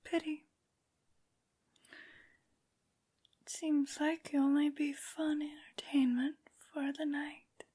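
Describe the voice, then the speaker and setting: A woman voicing a haughty, menacing aristocratic vampire lady in a breathy, whispered ASMR roleplay, with slow, condescending phrasing. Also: sits high, flat delivery, warm tone. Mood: condescending menace. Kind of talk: soft-spoken ASMR villain roleplay.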